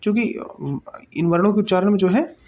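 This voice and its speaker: In a muffled recording, a teacher with a medium-pitched, slightly mellow voice speaks a little fast while giving an exam-prep grammar lesson. They explain step by step, ask and answer their own questions, repeat terms, and check in often.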